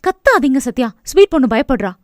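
A cheerful, affectionate wife who coaxes and gently scolds in a raised, bright voice, as a woman reads her. The audiobook sound is close and dry. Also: high voice, expressive, brisk, no echo. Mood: coaxing.

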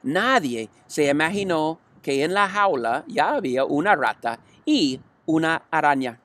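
A man reading a children's storybook aloud, slow and careful, now and then restarting a word. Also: a little high, very animated, a bit bright. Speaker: audiobook reader.

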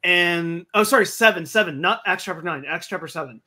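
A man's voice: high-pitched, brisk, bright, forceful tone. A man in a casual discussion, speaking eagerly and correcting himself as he goes. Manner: self-correcting, eager speech. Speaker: discussion participant. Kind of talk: casual chat.

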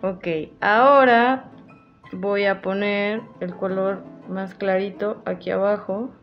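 A woman's voice: medium pitch, steady tone, slow pace. A woman with a Mexican accent chatting casually and playfully to her viewers while doing her makeup, laughing often. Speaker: makeup vlogger. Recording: dull lo-fi with faint music.

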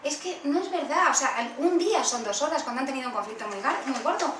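A woman with a Spanish accent from Spain leading an interactive workshop, animated and acting out examples. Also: high voice, fast talker. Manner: animated, acts out children's voices in role-play. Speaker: workshop facilitator. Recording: roomy far-off room recording with faint noise.

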